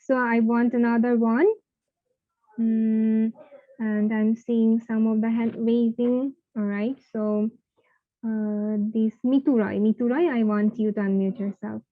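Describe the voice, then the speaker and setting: Slow, encouraging woman teacher. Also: a little high, steady tone, dry recording, phone-quality sound. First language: Bengali. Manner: encouraging, mixes Bengali and English, repeats words for drilling. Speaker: English teacher. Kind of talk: online live class, pronunciation drill. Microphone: video call.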